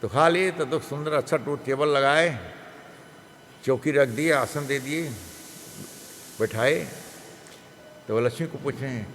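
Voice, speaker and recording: A man in his seventies, a monk giving a scripture class, tells a devotional story in a lively way and acts out the characters' voices. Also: mid-range voice, measured pace, pauses often. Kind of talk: storytelling sermon. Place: temple hall. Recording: reverberant hall with faint background noise.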